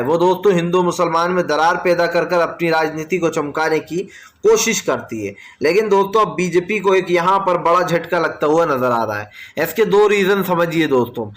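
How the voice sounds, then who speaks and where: A man's voice: sits high, fairly bright tone. A man delivering opinionated political news commentary, addressing viewers directly as friends in an argumentative, insistent way.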